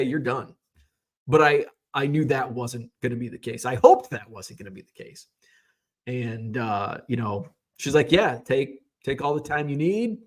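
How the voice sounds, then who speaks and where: A man in his thirties, a sports card seller, telling a casual personal story in a rambling, self-correcting way with the odd chuckle. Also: medium pitch. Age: 30s.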